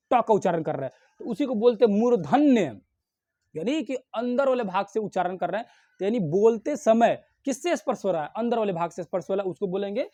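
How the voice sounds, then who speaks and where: A man's voice: sits high, a little mellow, dry recording. A young man teaching an online grammar class, asking questions and answering them himself, sounding out letters one by one. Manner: explains step by step with repeated questions and answers.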